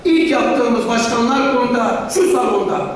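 A man's voice: very high voice, moderate pace, slight background noise. A man speaking into a podium microphone in a large assembly hall, making a combative speech full of rhetorical questions and repeated lines. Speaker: association president addressing a general assembly. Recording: echoey hall from far off.

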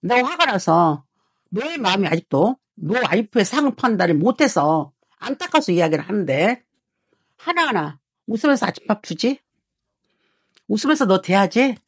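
Woman fortune teller, scolding and swearing, animated swings in pitch, dry room. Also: normal speed, slightly rough, no room sound. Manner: harsh scolding with swearing and repeated rhetorical prods. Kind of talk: heated consultation with a client.

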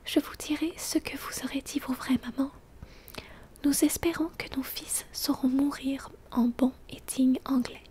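A woman's voice: high-pitched, steady tone, unhurried, dark tone. A woman whispering as a firm, scornful girl. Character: brave young girl, firm and proud. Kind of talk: whispered role-play.

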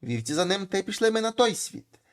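Guy doing a young farm boy in a folk tale, higher and eager, lively. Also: fast. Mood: earnest. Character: poor young peasant lad, earnest.

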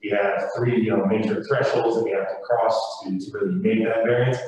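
A man on a zoning board speaking in a deliberate, formal way at a town meeting. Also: lowish voice, fairly even intonation, darkish tone. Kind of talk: meeting discussion. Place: large town meeting room. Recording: echoey hall, distant mic.

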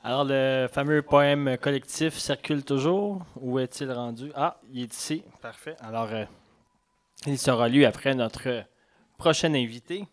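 A man with a Québécois accent hosts a poetry evening at a library café. He rambles through a guest introduction, padding with fillers. His voice sits at a middle pitch, with a dry, close sound. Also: a little slow, no room sound. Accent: Québécois French. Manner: rambling, filler-heavy, chatty. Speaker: event host. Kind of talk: introducing a guest at a live reading.

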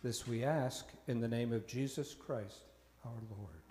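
A man acting as presiding minister, leading a liturgical prayer in a slow, measured intoning voice, with a long cathedral-like echo in a large church. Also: mid-range voice, warm tone, a little hiss or hum. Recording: echoey church hall with music.

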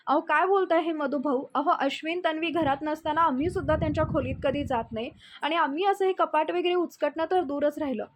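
A woman's voice: high voice, brisk, slight background noise, lightly acted. A woman reading the lines of a stern old grandmother who scolds.

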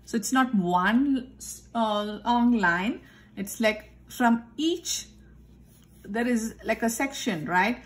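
A woman art teacher giving a step-by-step drawing lesson, calmly talking through each step as she draws at a desk. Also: on the high side, takes it slowly. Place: indoors at a desk. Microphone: overhead camera filming the tabletop.

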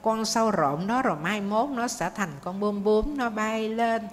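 A woman voicing a wise, patient mother snail who reassures her child gently. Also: mid-range voice, normal speed, close to an everyday voice. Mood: gentle. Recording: faint noise, long hall reverb.

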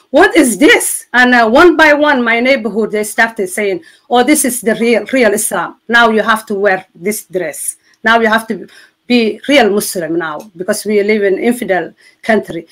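A middle-aged Somali woman with a Somali accent gives her personal testimony as a guest on a video call, sitting indoors before a city-skyline backdrop. Her voice is a little high and a bit bright, earnest and halting, with many fillers and restarts.

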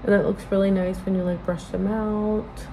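A woman's voice: medium pitch, level tone, normal speed. Young woman, noisy room recording. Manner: rambling, informal, self-interrupting. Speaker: vlogger. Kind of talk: casual get-ready-with-me chat to camera. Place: indoors in a small bedroom-like room. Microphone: phone propped at arm's length.

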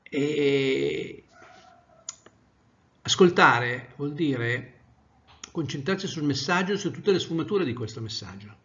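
A male trainer giving an animated lecture, swinging from loud to soft to demonstrate tone. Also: a little high, slow pace, pauses often, lo-fi sound. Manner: animated, varies volume widely, demonstrates tones of voice.

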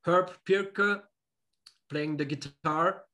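A relaxed Austrian musician joins a casual interview over video call from a home room with pictures on the wall. He speaks non-native English in simple phrasing, with a voice a little high and an extremely slow pace.

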